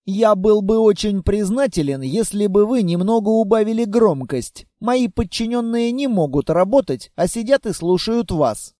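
A man's voice: sits high, expressive, moderate pace, hardly any pauses, dark tone, no room sound, studio quality. A man voicing a polite, nervous male elf innkeeper who pleads tactfully. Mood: pleading.

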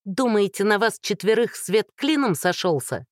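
A reader voicing a furious young woman who shouts and taunts in an audiobook. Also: mid-range voice, big pitch swings, moderate pace, no room sound, studio quality, voice pushed up, close to an everyday voice.

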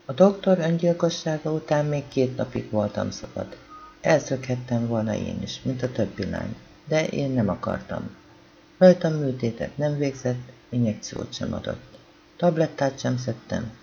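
Gravelly man reading an audiobook. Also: medium pitch, animated, dark tone, lo-fi sound. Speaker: audiobook reader. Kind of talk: scripted audiobook narration.

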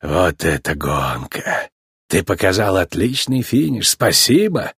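Kindly veteran champion race car, a man doing him, fatherly, husky, dry recording. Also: low voice, very animated, takes it slowly, no room sound, voice pushed down, heavily acted. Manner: warm, fatherly.

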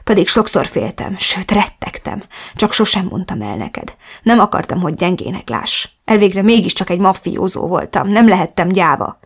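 A woman voicing a grieving young male mafia boss who speaks quietly and pleadingly in an audiobook. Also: lowish voice, expressive, slightly rough.

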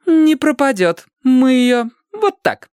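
Bossy snappy girl, reader doing the voice, storybook, high and sharp. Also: sing-song, takes it slowly, clean tone, no echo, studio quality, exaggerated voice. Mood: scolding. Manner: scolding, exasperated. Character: quick-tempered young girl, sharp-tongued.

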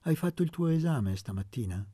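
A man voicing a shy young male student who asks questions in a timid, soft-spoken way. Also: mid-range voice, lively intonation, brisk, husky, no echo, studio quality.

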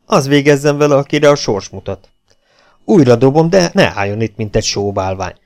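A man's voice: medium pitch, animated, pitched above the performer's own voice, close to an everyday voice. A man voicing a brutal, scornful legionnaire. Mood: impatient. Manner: harsh, shouting, scornful. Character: brutal hot-tempered male legionnaire. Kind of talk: audiobook character voice.

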